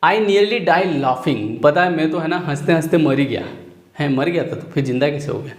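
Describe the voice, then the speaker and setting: Young male teacher giving an exam-prep lecture with jokes and rhetorical questions, voice a touch high, echoey room. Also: brisk. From Chhattisgarh, India. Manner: chatty, joking, asks students rhetorical questions. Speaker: English teacher.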